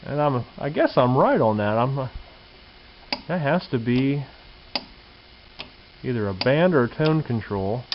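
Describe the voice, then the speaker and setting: A hobbyist presenter muses folksily into a handheld camera mic while doing a casual, hands-on show-and-tell indoors in a home workshop or garage. His medium-pitched voice swings widely in pitch, and he speaks a little slowly with frequent pauses. The camcorder audio is dull and lo-fi, with hiss.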